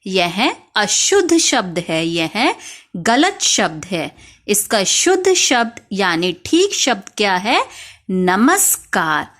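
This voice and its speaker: Slow, lively woman teaching children spelling. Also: medium pitch. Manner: slow, spells words letter by letter, asks questions.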